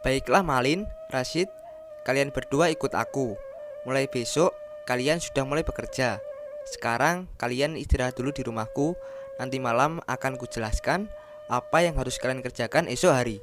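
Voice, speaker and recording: A man's voice: medium pitch, normal speed, lightly acted. A man playing a wealthy, benevolent merchant in a radio drama, formal and declamatory. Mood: commanding, generous. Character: wealthy male merchant, commanding and benevolent employer. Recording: music bed behind the voice.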